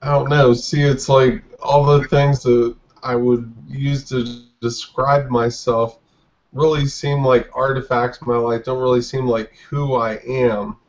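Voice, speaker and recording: A guest artist in his forties is interviewed over a video call, speaking hesitantly with restarts. His mid-range voice is flat, a little slow and darkish in tone. He sits in a dim indoor room, picked up by a webcam with dull lo-fi audio.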